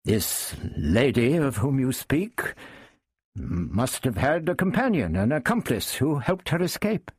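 A man's voice: mid-range voice, big pitch swings, a little slow, husky, no room sound, studio quality, pitched above the performer's own voice. A man playing a careful, ingratiating merchant. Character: eager male merchant, ingratiating.

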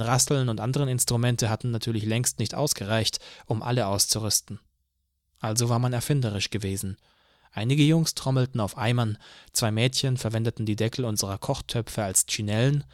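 A male audiobook narrator who tells the story in the first person, calm and measured. His voice sits at a middle pitch. The recording is dry and close, with no room sound. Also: no echo.

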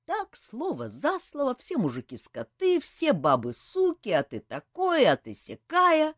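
A woman's voice: sits high, huge pitch swings, measured pace, dry recording, clean studio sound, voice pushed up, exaggerated voice. A woman reading an audiobook, voicing a grumbling male commander who defends himself.

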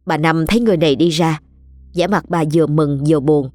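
A woman's voice: low-pitched, fairly quick, a little mellow, no echo, studio quality, soft background music. A woman, steadily narrating a ghost story.

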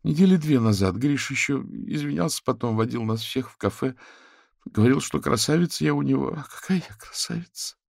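A man's voice: medium pitch, lively intonation, a little fast, vocal fry, dry recording, studio quality, pitched above the performer's own voice. A man voicing a tired young mother who speaks tearfully and pleadingly in an audiobook.

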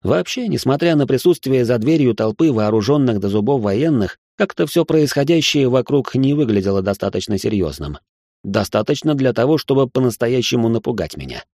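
Man, audiobook narrator, lively pitch, wry, sardonic, dry close sound. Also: brisk, no room sound. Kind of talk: first-person audiobook narration.

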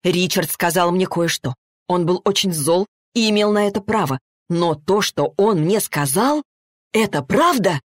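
Woman narrator doing a passionate young man in a romance read-aloud, low, slow and coaxing. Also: animated, no echo, studio quality. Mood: urging.

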